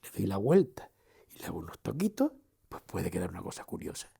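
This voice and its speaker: A man's voice: low-pitched, fairly quick, vocal fry, breathy edge, full character voice. A man with a Canarian accent playing a proud older Canarian man, telling his own life story straight to a touring audience. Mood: proud storytelling. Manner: lively storyteller, addresses listeners directly. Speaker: actor on a theatrical walking tour. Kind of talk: theatrical first-person storytelling.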